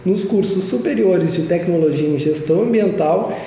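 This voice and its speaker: A man's voice: high voice, moderate pace, warm tone, slight background noise. A young man co-hosting a podcast, reading a prepared introduction steadily. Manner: reads a prepared text steadily. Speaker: co-host. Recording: echoey long-reverb lo-fi room.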